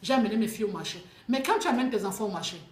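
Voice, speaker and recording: A woman with a Cameroonian French accent talks about her life in a casual, animated way, tripping over words and repeating herself as she goes. Her voice sits at an ordinary middle pitch. The recording carries a roomy echo. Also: very fast. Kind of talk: casual spoken testimony.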